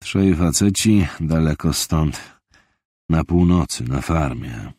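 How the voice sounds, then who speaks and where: A man's voice: a bass voice, animated, takes it slowly, darkish tone, husky, no room sound, studio quality, heavily acted. A male audiobook narrator voicing a tense, wealthy former soldier with clipped, strained replies. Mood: brooding. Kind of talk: audiobook character reading.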